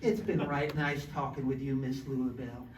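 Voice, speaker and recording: A man's voice: mid-range voice, flat delivery, normal speed, lightly acted. A folksy old prospector acted by a man drawls plainly through a comic Western sketch. He is a dreamer of the Old West, heard from a distance in a roomy space. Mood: folksy, wistful. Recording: roomy, distant mic, faint noise.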